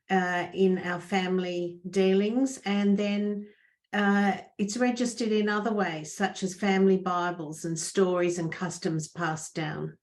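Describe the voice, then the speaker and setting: A middle-aged woman, a church member and mother giving a prepared, earnest talk about her family's faith. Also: mid-range voice.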